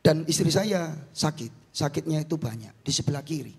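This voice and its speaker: A middle-aged East Javanese pastor with an Indonesian accent and a husky voice, preaching with force and then telling a personal testimony in a quieter, halting way. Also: male voice, on the high side, animated. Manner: preaches loudly, then tells his story softly and haltingly. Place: large church hall. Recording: long church hall reverb.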